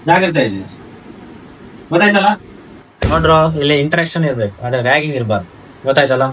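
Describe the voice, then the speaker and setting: A man's voice: on the high side, recorded from a distance, slight background noise, close to an everyday voice, poor audio. A man playing a stern teacher who lectures students with pointed questions.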